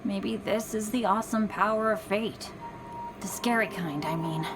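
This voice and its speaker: A woman's voice: mid-range voice, moderate pace, close to an everyday voice. A woman voicing an earnest, apologetic but upbeat teenage boy adventurer in a video game. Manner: boyish, earnest. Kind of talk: animated video game voice acting. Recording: music underneath.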